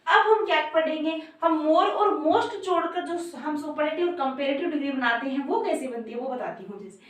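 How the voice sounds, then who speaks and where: High-voiced woman teaching in echoey room. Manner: repeats "ठीक है" and asks rhetorical questions, slows down to spell out examples. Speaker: English grammar teacher. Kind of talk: lesson explaining grammar. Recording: very echoey room, voice far from mic.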